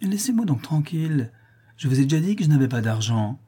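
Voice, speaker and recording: A man's voice: mid-range voice, lively intonation, moderate pace, warm tone, slightly rough, pitched above the performer's own voice. A man voicing Richard, a lazy, nonchalant young charmer, in a raised, airy voice. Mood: nonchalant gallant.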